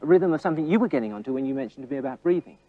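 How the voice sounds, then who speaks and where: Male tennis coach, animated up-and-down delivery, coaxing questions, dull lo-fi TV sound. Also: medium pitch, very fast. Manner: counts rally hits aloud. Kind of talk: on-court teaching demonstration. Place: tennis court. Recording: dull lo-fi old TV recording.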